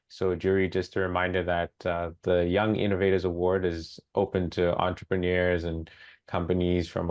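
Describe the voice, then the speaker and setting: A man with a very low voice moderates an online pitch session. He talks in a relaxed, loose way, leaning on fillers as he calls on the jury.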